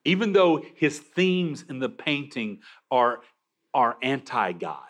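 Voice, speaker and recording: A man delivers a sermon at an unhurried pace. His pitch sits in the middle range, and he lays heavy emphasis on key words, often breaking off and starting a phrase again. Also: very animated, a bit bright. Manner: slow, emphatic preaching with frequent restarts. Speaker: pastor.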